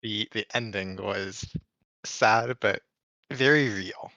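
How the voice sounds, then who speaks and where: A man's voice: on the low side, slow, bright, forceful tone, no echo, dull audio. A man joining a casual book-discussion podcast as a guest who talks in an easygoing way and laughs readily.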